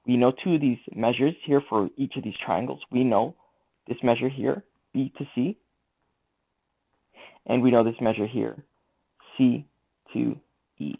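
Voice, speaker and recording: A man's voice: medium pitch, measured pace, creaky, long pauses, slightly rough. A man teaching a math lesson, talking through each step of the working aloud. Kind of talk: screen-recorded lesson walkthrough. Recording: tinny lo-fi mic.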